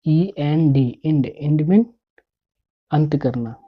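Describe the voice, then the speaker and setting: Slow, low-voiced woman drilling vocabulary. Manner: repetitive, spells letter by letter and repeats meanings. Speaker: English teacher. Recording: dull lo-fi recording.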